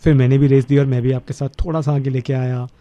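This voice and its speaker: Flirtatious man with a mellow, dull-sounding voice. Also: mid-range voice, little pitch movement, fast talker, no echo. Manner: smooth, flirtatious, mixes English and Hindi. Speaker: prank caller. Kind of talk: flirty prank phone call.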